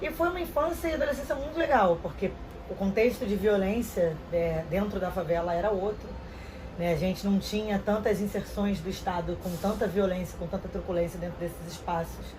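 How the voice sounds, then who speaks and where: A woman, giving earnest, measured interview answers with some hesitant restarts. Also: medium pitch, background noise. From Rio de Janeiro, Brazil. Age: 30s. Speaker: interview guest.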